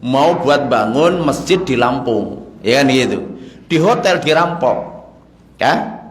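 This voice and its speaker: Animated preacher in echoey mosque. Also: male voice, takes it slowly. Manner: animated, acts out dialogue, rising pitch in arguments. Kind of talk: storytelling sermon.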